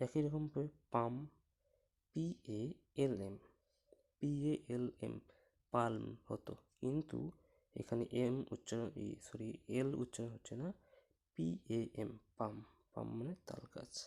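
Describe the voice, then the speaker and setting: A man teaching English pronunciation rules in a slow step-by-step lesson, spelling words out letter by letter and patiently asking and answering his own questions. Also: medium pitch, gravelly, mellow.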